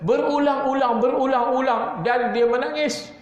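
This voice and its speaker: A man with a Malaysian Malay accent giving an evening lecture in a mosque. He keeps addressing the listeners directly, and his pitch swings up and down as he talks. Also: fairly even intonation, normal speed. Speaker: religious teacher. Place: mosque hall. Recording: echoey mosque hall, dull lo-fi sound.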